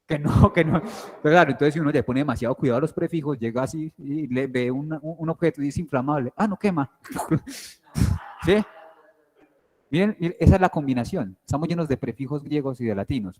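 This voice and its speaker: On the high side, a little fast and a little mellow, a man's voice fills a big room during a guest lecture on word parts. He keeps asking questions as he explains, checking with "right?" or "¿sí?" that the class follows.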